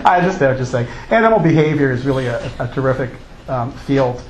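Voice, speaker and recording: A man's voice: mid-range voice, expressive, quick pace. Jokey male professor in an echoey room. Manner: jokey, teasing. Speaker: college philosophy teacher. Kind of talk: informal lecture and class banter. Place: classroom. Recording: echoey room with background noise.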